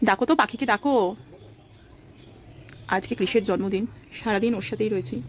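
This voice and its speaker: A woman's voice: mid-range voice, a little fast, slight background noise. A young woman filming her toddler at home, narrating and coaxing him with playful baby talk.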